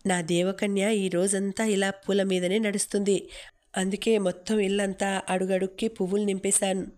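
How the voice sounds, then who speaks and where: A doting young man in an audiobook story, teasing and affectionate, as a woman narrator reads him. The voice stays flat and even. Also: mid-range voice, normal speed, close to an everyday voice. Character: young man, devoted playful lover.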